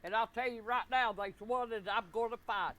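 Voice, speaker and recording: A man's voice: steady tone, a little fast, fairly bright tone. A man voicing a foul-mouthed, defiant eighty-year-old grandmother in a comedy skit. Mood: defiant ranting. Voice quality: shrill cursing old-lady falsetto. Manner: profane, defiant, ranting.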